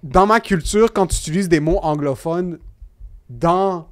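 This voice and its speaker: A man with a Québécois accent, a comedian guest telling animated, self-mocking stories in casual podcast chat, swearing often. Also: high-pitched, measured pace, smooth. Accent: Québécois French. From Quebec.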